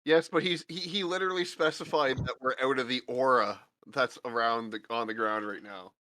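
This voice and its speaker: Bright-voiced man, teasing tabletop player. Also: medium pitch, fairly even intonation. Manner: teasing, quick to argue. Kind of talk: casual chat at a tabletop game.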